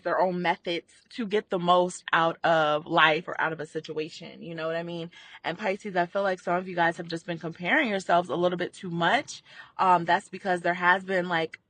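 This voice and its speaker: A bright, forward voice of medium pitch, belonging to an astrology channel host. The delivery is casual and conversational, punctuated by small check-ins like okay and all right. It is recorded inside a vehicle and sits a little far from the mic. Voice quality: sounds a bit far away from the mic. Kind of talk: casual spoken spiritual guidance vlog. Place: inside a parked or stationary vehicle. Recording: slightly distant mic inside a car.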